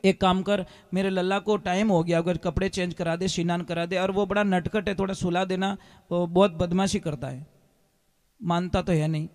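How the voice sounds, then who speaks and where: A man's voice: high voice, steady tone, normal speed, darkish tone. A man voicing a stubborn, doting old woman devotee in a sermon story, with long hall reverb. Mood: pleading. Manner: pleading, scolding village speech.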